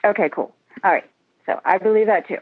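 A woman's voice: mid-range voice, a little fast, no echo. A woman calling in to a radio show over the phone. She talks hesitantly, repeats herself and sounds tired. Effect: phone-line caller on a radio show. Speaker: caller. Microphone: phone held to the mouth. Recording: tinny phone line.

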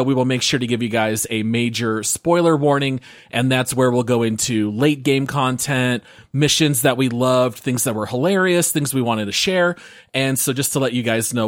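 A man's voice: medium pitch, dry recording, studio quality. A man hosting a gaming podcast, upbeat and organized as he introduces the segment. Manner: upbeat, organized, leads the show. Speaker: podcast host. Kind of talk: casual podcast chat with scripted segment intros.

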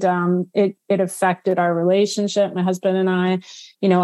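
A middle-aged woman farmer talking in a relaxed interview, reflective and unhurried, with frequent "um"s. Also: lowish voice. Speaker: guest homestead farmer. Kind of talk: casual conversational interview.

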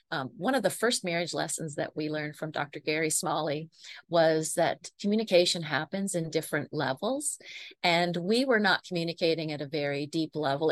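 A woman's voice: on the low side, no room sound. A middle-aged woman coach, a guest on a podcast, talking about marriage in an encouraging, affirming, teaching way. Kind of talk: podcast interview.

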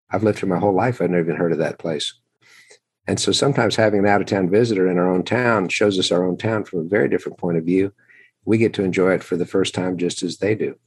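Deep husky man, encouraging. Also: dry recording. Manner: reflective and encouraging. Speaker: podcast guest. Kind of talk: casual podcast conversation.

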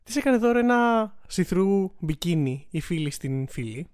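A man's voice: sits high, lively intonation, a little mellow, no room sound, clean studio sound. A man co-hosting a casual podcast, chatty and asking questions about the story. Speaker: podcast co-host.

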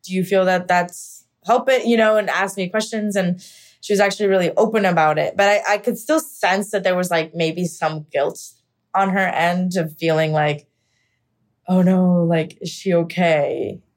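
A young American woman from Pennsylvania, an actor appearing as a podcast guest, candidly tells a personal story. Her voice is fairly low and steady at normal speed, and her conversational talk is full of fillers like "like" and "you know."

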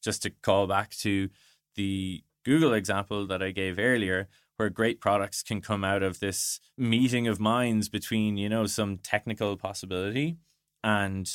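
A man with a clear, resonant voice on the low side speaks at a moderate pace in a steady tone with some vocal fry, recorded in a clean studio with no echo. An interview guest and product design director, he explains his points conversationally, thinking aloud with illustrative asides.

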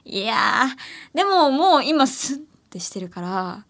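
A woman's voice: sits high, sing-song, unhurried, gravelly, a bit bright. A young woman hosting a late-night radio show, chatting casually in a playful, teasing way and laughing often. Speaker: radio host. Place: radio studio.

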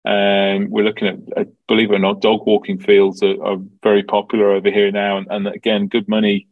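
Male interviewee, Dublin Irish accent; low voice, very flat intonation, informal explainer. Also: brisk, no room sound, phone-quality sound. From Dublin, Ireland. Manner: explanatory, informal, peppered with 'you know'. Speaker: farm manager, interview guest. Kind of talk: conversational interview answers.

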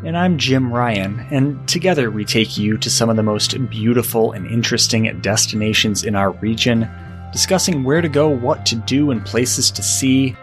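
A man co-hosting a podcast, relaxed and a bit rambling. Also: medium pitch, moderate pace, soft background music. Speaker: podcast co-host. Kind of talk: casual podcast chat.

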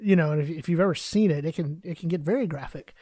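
A man's voice: fairly high pitch, fast talker, dark tone, dry recording, clean studio sound. A man co-hosting a podcast in a casual, conversational chat style. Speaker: podcast co-host.

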